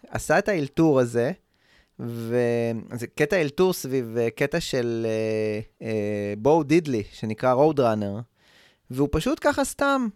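A man's voice: mid-range voice, darkish tone, clear, resonant tone, dry recording, clean studio sound. A man co-hosting a podcast in casual chat, cracking jokey answers and adding side facts. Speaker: podcast co-host.

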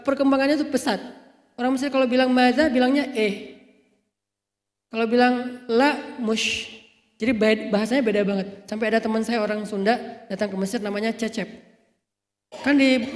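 A religious storyteller telling a story casually, with playful, jokey asides. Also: medium pitch. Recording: echoey hall with long reverb.

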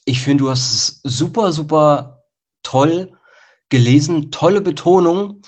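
A man's voice: on the high side, unhurried, darkish tone. A man on a jury giving hesitant, rambling feedback with fillers. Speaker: jury member.

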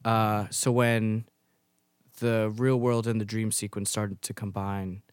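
A man's voice: lowish voice, flat delivery, takes it slowly, clear, resonant tone, no echo, studio quality. A man co-hosting a casual podcast chat who swears and repeats words when he starts a sentence. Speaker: podcast co-host.

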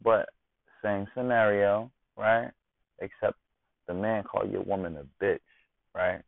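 Deep gravelly man, tinny and dry. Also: fairly even intonation, slow, dry recording. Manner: slangy, constantly asks "you know what I'm saying". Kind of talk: casual monologue. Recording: tinny phone-like dry sound.

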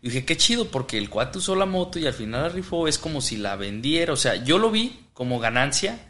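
A man's voice: on the high side, big pitch swings, fairly quick, a bit bright. A man, a motorcycle vlogger guest, telling a story in casual chat and acting out the quoted lines. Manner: laughs often, acts out quoted dialogue.

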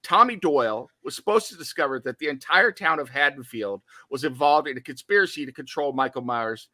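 Bright, chatty horror podcast man. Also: mid-range voice, a little fast, dry recording. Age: adult, studied in college. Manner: chatty and jokey, drifts into tangents. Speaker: podcast co-host. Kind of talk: casual chat.

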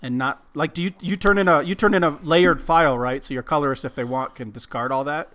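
A man's voice: a little high, quick pace, fairly bright tone. A middle-aged man co-hosting a podcast in casual chat, with joking, self-deprecating banter. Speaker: podcast co-host.

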